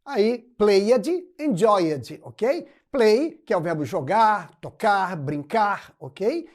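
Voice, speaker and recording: A woman's voice: mid-range voice, lively intonation, very slow, darkish tone. A woman with a Brazilian Portuguese accent, teaching English grammar rules step by step and checking in often with short prompts. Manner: explains step by step, checks in with frequent "ok?" and "muito bem". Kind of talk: recorded classroom explanation.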